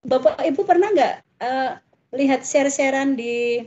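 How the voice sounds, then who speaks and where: A woman's voice: high voice, a little slow, warm tone, lo-fi sound. A woman giving a parenting talk in a chatty way, full of tag questions. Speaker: parenting speaker.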